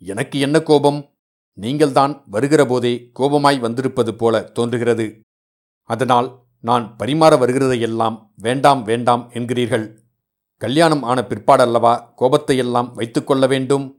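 A man voicing a sharp-tongued, indignant teenage schoolboy in a read-aloud novel, his complaints raised and teasing. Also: medium pitch, moderate pace, close to an everyday voice.

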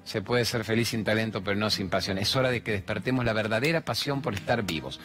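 A man's voice: lowish voice, fast, a bit bright. A man in his fifties with a Rioplatense accent, hosting a talk show and giving blunt, crude, provocative advice, acting out other people's words. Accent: Rioplatense Spanish. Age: 50s. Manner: acts out quoted voices. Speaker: host answering audience questions.

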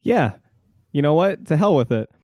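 A man's voice: a little high, sing-song, moderate pace, darkish tone, dry recording. Dry-recorded man playing a tabletop game. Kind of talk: casual in-character role-play.

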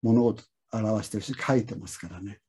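A middle-aged man hosts a relaxed conversation about lessons, speaking in a husky, mellow, lowish voice. He talks slowly and reflectively, rambling through stories full of pauses and fillers.

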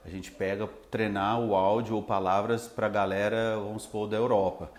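Low-voiced Brazilian man, chatty teacher. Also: moderate pace, reverberant. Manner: relaxed, rambling, many fillers. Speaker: English teacher. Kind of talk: casual podcast chat.

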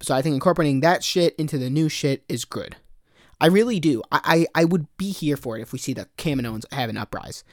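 A man's voice: a little high, fast talker, dry recording, clean studio sound. A man hosting his own review podcast, ranting and swearing a lot, with frequent restarts when he gets worked up. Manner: profane, ranting, swears often. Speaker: podcast host. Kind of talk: casual solo review podcast.

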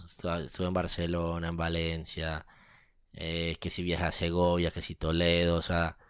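A man from Venezuela chatting casually on a podcast, soft-spoken, often trailing off and restarting. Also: low voice, completely flat delivery, clean tone, no echo, studio quality. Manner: soft-spoken, halting, trails off mid-sentence. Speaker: podcast co-host. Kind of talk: casual chat among friends.

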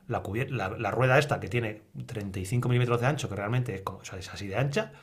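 A man co-hosting a cycling podcast, telling animated stories with acted-out quotes and frequent swearing. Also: lowish voice, fast, husky. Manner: animated storyteller, swears freely, acts out quotes. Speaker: podcast co-host. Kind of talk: casual chat.

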